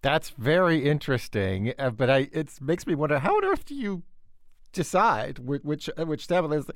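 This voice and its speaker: A man's voice: on the high side, big pitch swings, moderate pace, dry recording, studio quality. A man hosting a radio talk show, asking questions in a playful, wry way. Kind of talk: radio interview conversation.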